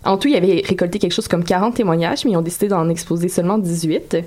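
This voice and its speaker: A woman's voice: fairly low pitch, quick pace, a little mellow. A woman with a Quebec French accent, a radio guest explaining a subject in casual chat with frequent hesitations. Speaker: guest columnist.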